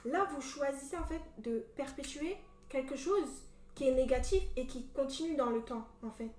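A young woman from Cameroon telling a story in casual chat, animated and full of fillers. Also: high-pitched, moderate pace, a little hiss or hum. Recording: echoey room from a distance.

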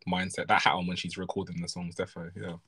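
A man's voice: sits low, completely flat delivery, fast, pushed and bright, slightly rough. Rambling man, co-host. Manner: rambling, self-correcting, chuckles often. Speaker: podcast co-host. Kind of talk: casual chat.

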